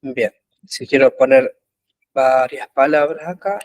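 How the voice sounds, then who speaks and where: A male coding teacher runs a live online class, his explanations slow and halting with plenty of pauses and fillers. His pitch is medium. The computer mic captures no room sound.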